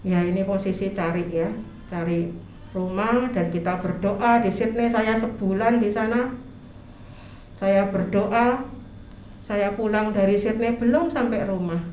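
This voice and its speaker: An older woman preaching a sermon, animated and chatty, acting out prayers in a raised voice. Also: mid-range voice, measured pace, slight background noise. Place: church. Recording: echoey church room, faint ambience.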